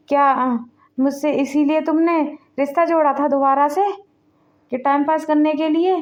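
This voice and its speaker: A woman's voice: high voice, a little mellow, dull audio, lightly acted. A woman plays an angry, threatening pregnant girlfriend in a home-made family drama. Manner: accusing, threatening.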